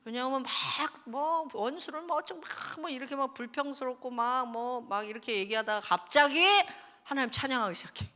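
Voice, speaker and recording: A pastor's wife preaching at a Friday service, animated, swinging between loud bursts and hushed asides as she acts out people's prayers. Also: sits high, normal speed. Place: church sanctuary. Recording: reverberant church hall.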